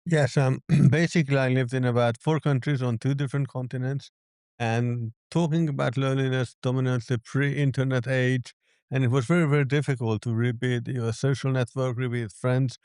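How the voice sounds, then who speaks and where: Guy being interviewed, smooth clear voice, dry sound, calm explaining. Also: medium pitch, normal speed, no room sound. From Hungary. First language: Hungarian. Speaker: app developer, guest. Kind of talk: interview answers.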